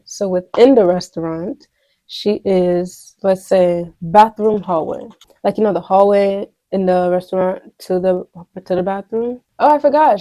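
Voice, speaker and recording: A woman's voice: medium pitch, dark tone, no echo, rough recording. A woman vlogging casually as she writes a screenplay, rambling and chatty and talking to herself as she works out each scene. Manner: rambling, chatty, talks to herself, voices sound effects. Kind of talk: casual think-aloud screenwriting vlog.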